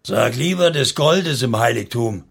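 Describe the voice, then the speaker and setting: A man's voice: medium pitch, moderate pace, slightly rough. A man doing a furious, scornful prince. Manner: angry, sneering.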